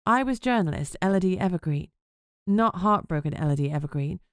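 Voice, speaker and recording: Wry, self-mocking vampire journalist, read by a woman in a low-pitched voice, first-person storybook narration, dry close sound. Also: animated, a little fast, dry recording, close to an everyday voice. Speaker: audiobook narrator.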